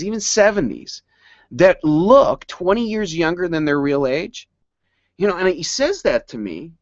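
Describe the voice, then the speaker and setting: Male presenter, mid pitch, excitable and rambling storyteller, dry dull recording. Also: dry recording. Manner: excitable, rambling, laughs often. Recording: dry, slightly dull sound.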